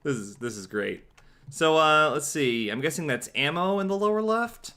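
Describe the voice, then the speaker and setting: This game streamer does let's play commentary full of sarcasm and dry jokes about what he's playing. His pitch is fairly high, his intonation lively, and his moderate pace comes with a bright, forceful tone.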